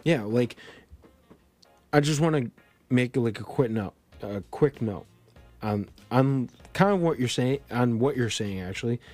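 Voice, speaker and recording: A Colombian-born man co-hosts a podcast, rambling casually about politics with plenty of restarts and fillers. His medium-pitched voice has a darkish tone and sounds animated, moving a little slowly. Soft music plays in the background.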